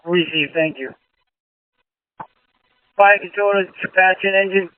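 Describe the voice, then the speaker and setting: A high-voiced man handles fire traffic on a two-way radio. He sounds clear but set back, through a tinny narrow band. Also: fairly even intonation, unhurried, no echo, distant mic.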